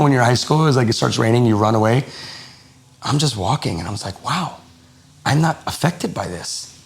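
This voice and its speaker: A man from the United States, a lifestyle coach on a podcast, telling his story in a casual, animated way and acting out quoted dialogue. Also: medium pitch, vocal fry.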